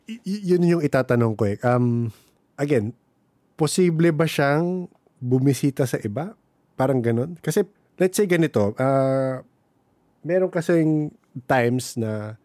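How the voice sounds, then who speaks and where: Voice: mid-range voice, mellow, dry recording. A podcast host, attentive and chatty, asking the guest questions. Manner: attentive, many short backchannels. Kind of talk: casual interview chat.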